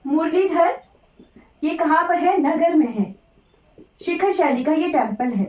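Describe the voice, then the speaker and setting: This Indian woman teacher gives an informal online lecture in a very high-pitched, animated voice that moves a little slowly, with a darkish tone. She mixes in English terms, repeats her points instructively and keeps checking in with "right?", and her voice sounds slightly off today. The audio is dull, with roomy echo and a distant microphone.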